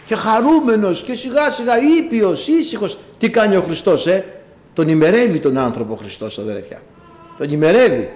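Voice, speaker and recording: A man preaching a sermon, telling a story with low asides and sudden high cries. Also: darkish tone.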